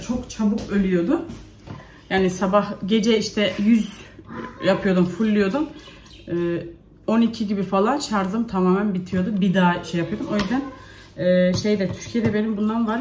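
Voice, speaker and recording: Woman, mother, chatty home vlog, mid-pitched voice, roomy echo. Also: fairly even intonation, normal speed, darkish tone. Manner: chatty, often calling out to her children. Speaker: vlogger and mother. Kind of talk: casual home vlog chat. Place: home, kitchen and yard. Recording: echoey room with background noise.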